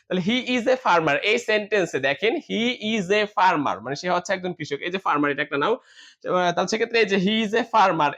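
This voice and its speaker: A man teaching a classroom grammar lesson in a high, light voice. He spells each word out letter by letter, then asks the class a question and answers it himself. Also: a bit bright.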